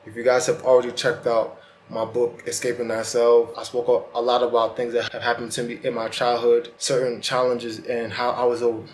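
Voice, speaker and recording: A man's voice: medium pitch, completely flat delivery, moderate pace, a little hiss or hum. Man with retainer lisp, echoey room. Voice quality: slightly lisping, slurred speech from wearing a retainer. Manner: casual, colloquial, earnest direct address. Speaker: host of self-help vlog. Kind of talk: motivational monologue to camera.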